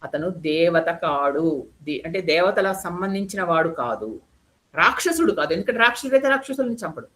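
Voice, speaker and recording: A frightened demon messenger who trembles before his king, as a woman retelling the epic voices him. He speaks in an urgent, awestruck rush about a warrior he cannot believe. The pitch stays in a middle range. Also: animated, moderate pace, fairly bright tone. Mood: awed urgent. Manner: urgent, awed reporting.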